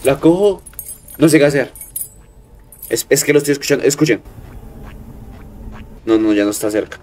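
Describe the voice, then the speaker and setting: A young man with a Colombian accent, commenting on a horror game he plays, jumping at scares, swearing and hushing himself. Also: mid-range voice, lively intonation, normal speed, soft background music. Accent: Colombian Spanish. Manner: jumpy, yelps and swears at scares, hushes himself. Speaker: gaming streamer.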